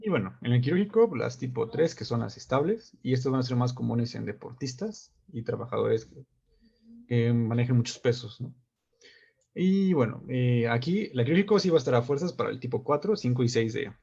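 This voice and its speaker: Young man, class presenter, husky, dull lo-fi sound. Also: mid-range voice, warm tone. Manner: reads slides, adds tag questions. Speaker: medical student presenting.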